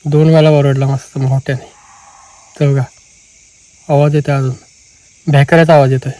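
A man with a Marathi Konkan accent, chatting casually to viewers during a night camping vlog in the forest, repeating phrases and often speaking low. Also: flat delivery, normal speed, mellow. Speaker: camping vlogger. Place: outdoors at night in a forest by a river.

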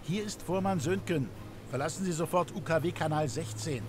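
An actor playing a calm male rescue-boat coxswain, speaking in curt radio procedure over a marine radio call in a game. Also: on the high side, a little fast, music in the background. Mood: stern. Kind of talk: video game voice acting.

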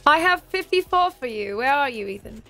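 High-voiced young woman gaming, laughing. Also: expressive, moderate pace, a bit bright. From Manchester, England. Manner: laughs often, teasing. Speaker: streamer. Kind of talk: casual gaming chat. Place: gaming room indoors. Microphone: headset.

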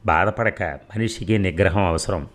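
A man voicing a calm, firm male detective who speaks steadily and reassuringly. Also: low voice, a little slow.

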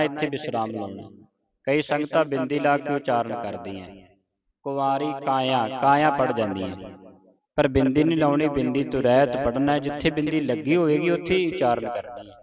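A man teaching the pronunciation of scripture, reciting slowly line by line and then explaining quickly in between. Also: mid-range voice, dull audio, crowd noise. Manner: slow, deliberate recitation with brisk spoken explanations.

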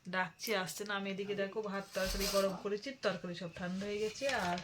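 Mom vlogging at home, chatty, lots of background noise. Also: female voice, medium pitch, flat delivery, fast. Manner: chatty, explains everyday chores to viewers. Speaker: vlogger and mother. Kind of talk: casual daily vlog narration. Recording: noisy home recording.

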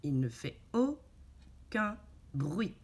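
A woman teacher giving a reading lesson to small children, speaking very slowly and carefully. Her low-ish voice rises and falls a lot as she sounds out each syllable. She is patient and encouraging, and she praises the child often. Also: sing-song. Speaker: primary school teacher.

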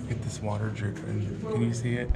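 A man's voice: lowish voice, very noisy. A man filming a cave tour, chatting casually and joking as he goes. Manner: joking, laughing easily. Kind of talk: casual chat while filming. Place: inside a cave. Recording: echoey cave.

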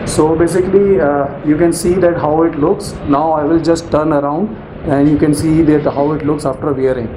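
A man's voice: fairly high pitch, fairly even intonation, moderate pace, reverberant, noisy background. A young man with an Indian English accent, speaking from inside a motorcycle helmet as he explains a helmet in a casual review vlog. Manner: plain step-by-step explaining, repeats "basically". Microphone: camera mic, speaker moving near and away from it.

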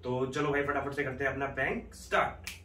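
A man's voice: medium pitch, brisk. A man hosting a couple's prank vlog, snapping irritably at his wife during a staged argument. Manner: snaps loudly, irritated and dismissive in the argument. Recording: echoey room, mic at a distance, faint noise.

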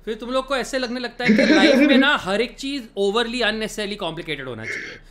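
Rapid-fire joking man. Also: very high-pitched, expressive, a bit bright. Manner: rapid joking rants mixing Hindi and English. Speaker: host. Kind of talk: casual comedic stream chat.

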